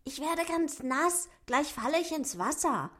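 A small, excitable dwarf whines and frets in a high, anxious voice, as a woman reads him. His tone is squeaky, with a strained edge. He fits a storybook tale for children. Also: normal speed. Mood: whining.

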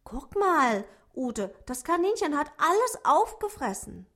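Woman doing a bright young boy. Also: high voice, very animated, unhurried, voice pushed up, exaggerated voice. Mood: relieved. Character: young boy, kind and caring.

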